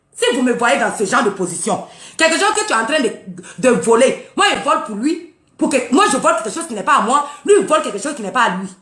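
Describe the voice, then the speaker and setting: A woman's voice: on the high side, a bit bright. A woman ranting on a live stream, mocking and taunting with frequent laughter and boasting. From Burkina Faso. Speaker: live social media streamer. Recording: roomy echo.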